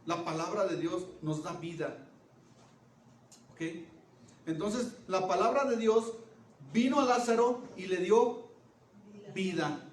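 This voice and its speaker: A male preacher with a high voice delivers a sermon, often asking the congregation questions and checking they follow along. He swings between loud, emphatic phrases and hushed, low ones. He is picked up from a distance in an echoey church room with faint noise behind him. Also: takes it slowly, pauses often. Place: church hall.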